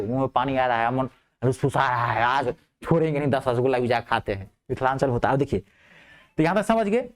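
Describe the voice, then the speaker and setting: In a lively classroom math lesson, a male teacher walks through geometry step by step. He keeps checking whether things are clear and drops his voice low to answer his own questions.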